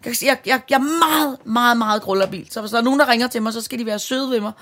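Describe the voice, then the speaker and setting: A woman's voice: a little high, fairly bright tone. A middle-aged woman, mother of a teenager, co-hosting a podcast, rambling and stumbling over her words in casual chat. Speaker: podcast co-host.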